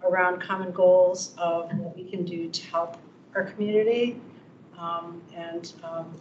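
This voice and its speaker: A woman commissioner introducing herself at a public meeting, hesitant and full of pauses. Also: on the low side, fairly even intonation, darkish tone, slight background noise. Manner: hesitant, many ums. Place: council meeting room. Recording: echoey room, dull sound.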